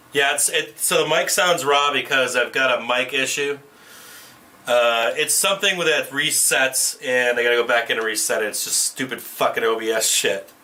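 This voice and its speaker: A man's voice: mid-range voice, sharp tone, distant mic. A man hosting a casual trading livestream through a tinny camera microphone that makes him sound like he is in a tin can. He talks bluntly, swears freely and restarts his sentences. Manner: profane, blunt, restarts often. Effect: tinny tin-can sound from a camera mic.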